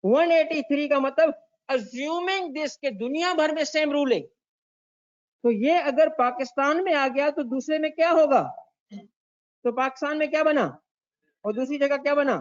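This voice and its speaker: A man's voice: very high voice, unhurried. A Pakistani man teaching a tax class, quizzing students by name and repeating key points. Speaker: tax lecturer. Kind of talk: classroom lecture mixing Urdu and English. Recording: dull lo-fi lecture recording.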